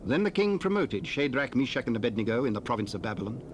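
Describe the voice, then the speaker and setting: A man's voice: medium pitch, sing-song. Solemn male scripture narrator, noisy cassette. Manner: formal, measured storytelling. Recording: noisy 1970s cassette recording.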